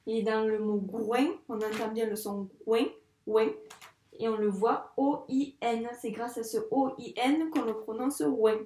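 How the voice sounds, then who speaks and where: Patient teacher woman, slow and clear. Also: on the high side, steady tone, a little mellow, echoey room, slight background noise. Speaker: first-grade teacher. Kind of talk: reading lesson for young children.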